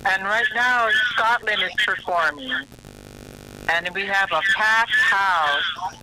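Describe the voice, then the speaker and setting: A man's voice: high-pitched, takes it slowly, low-quality recording. A man from Samoa calling in to a radio show, chatting in a friendly way and listing what is on offer. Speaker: festival representative calling in. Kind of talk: phone-in interview. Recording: loud noise on a call line.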